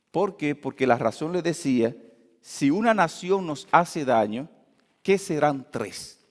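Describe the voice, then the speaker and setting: A man preaching a sermon as pastor, telling a story and swinging from quiet asides to loud, emphatic peaks. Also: medium pitch. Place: church hall. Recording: long church hall reverb.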